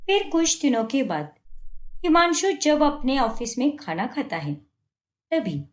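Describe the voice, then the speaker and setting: A woman's voice: sits high, sing-song, takes it slowly. A woman narrating a cartoon story in a plain storytelling manner.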